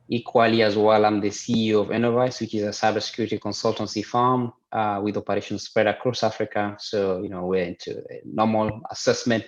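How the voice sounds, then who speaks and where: A man introducing himself on a panel in a brisk, businesslike way. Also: fairly low pitch. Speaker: panelist and company head. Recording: dull lo-fi call audio.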